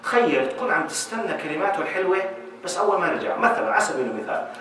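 A man giving a lively public talk to an audience, acting out little dialogues as he goes. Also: sits high, rapid-fire. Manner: animated, acts out little dialogues. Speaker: speaker giving a talk on marriage. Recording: echoey hall, voice from far off, faint noise.

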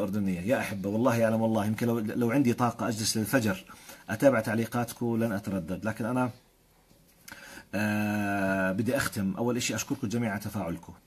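A Jordanian man with a Jordanian accent hosts a live stream, reading out viewer comments in a rapid flow. His voice is husky and a little breathy, and he moves quickly from one greeting to the next. He sprinkles his talk with blessings and light chuckles. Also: medium pitch. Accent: Jordanian Arabic. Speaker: host.

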